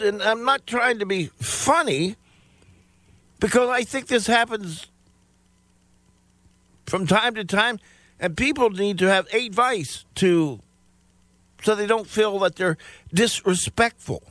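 A man's voice: sits high, slow pace, long pauses, fairly bright tone, no room sound. A man telling a rambling comic story, hesitant and full of self-praise.

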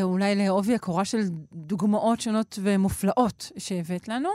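A woman hosting an interview, asking thoughtful, measured questions with some hesitation. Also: medium pitch, a little mellow, no room sound, studio quality. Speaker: podcast host.

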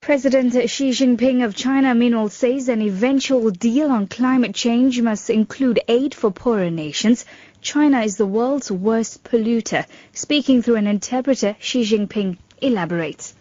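A woman's voice: a little high, moderate pace, warm tone, no echo, dull audio. A South African woman presenting a scripted radio news bulletin. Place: radio studio.

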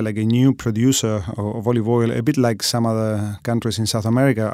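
A man's voice: mid-range voice, mellow, no room sound, clean studio sound. A middle-aged man from Argentina, giving thoughtful, explanatory interview answers with frequent fillers. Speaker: olive oil expert guest.

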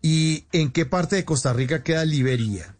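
A man's voice: on the high side, animated, normal speed. Chatty Colombian radio host, man. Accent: Colombian Spanish. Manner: chatty, playful questioning. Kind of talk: lively call-in radio chat.

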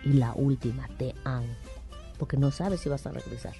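A woman's voice: a bass voice, normal speed, faint music behind. A Mexican woman, a guest author, giving emphatic parenting advice with lots of rhetorical questions. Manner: animated, preachy, rhetorical questions.

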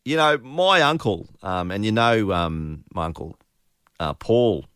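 A male breakfast radio host with a Queensland accent. His voice sits low and sounds close and dry, and he chats casually with matey Australian slang. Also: expressive, unhurried, a bit bright, clean tone, no room sound. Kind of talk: casual radio interview chat.

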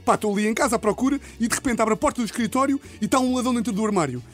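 A man with a European Portuguese accent, telling a comic story as a podcast host, animated and laughing often. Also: rapid-fire, faint music behind. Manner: animated, laughs often, slips into high-pitched impressions. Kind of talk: comedic storytelling.

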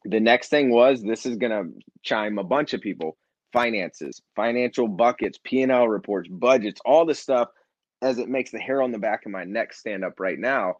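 A nonprofit founder and CEO, speaking as an interview guest, gives a motivational talk on leadership in an animated, conversational way, stressing points and repeating phrases for effect. His voice is fairly low and his pace normal, recorded dry on slightly dull, lo-fi audio.

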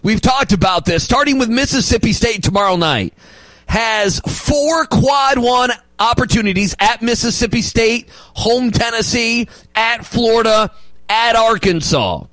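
A male sports radio host arguing basketball opinions and rattling off stats, with emphatic loud bursts. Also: very high-pitched, lively intonation, a little slow, dry recording, poor audio.

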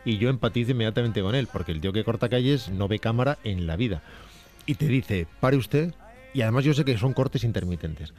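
Fast-talking, wry, reasoning man. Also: on the low side, faint music behind. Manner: calmly reasoned, wry counterargument. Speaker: radio show co-host. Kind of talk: comedic radio banter. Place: radio studio.

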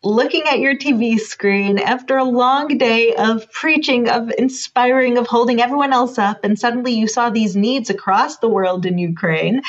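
A woman's voice: a little high, dull audio. A woman hosting a faith interview and asking earnest, affirming questions. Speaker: host and interviewer. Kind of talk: interview conversation.

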